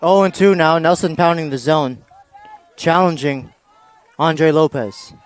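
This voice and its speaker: A man calling baseball play-by-play, excitable on big plays and dry in his asides. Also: a little high, measured pace, smooth, some chatter behind. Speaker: play-by-play announcer.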